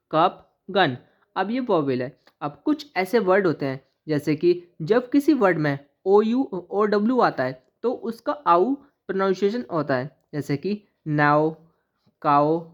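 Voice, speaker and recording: A woman teaching an English pronunciation lesson who spells out letters and then says each word slowly and deliberately. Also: fairly low pitch. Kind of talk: classroom-style lesson explaining pronunciation. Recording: slightly dull, lo-fi recording.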